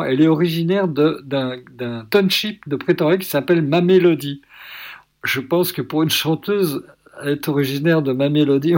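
A man presenting jazz tracks on the radio, halting with many fillers and self-corrections, openly enthusiastic about the music. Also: on the high side, a little mellow.

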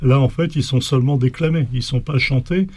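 A man's voice: mid-range voice, steady tone, a little fast, darkish tone, no room sound. A man explaining medieval verse in casual talk, rambling, with many fillers and restarts. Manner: recites a poem in Esperanto in a rising, sing-song lilt. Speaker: guest explaining medieval poetry. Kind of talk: casual chat.

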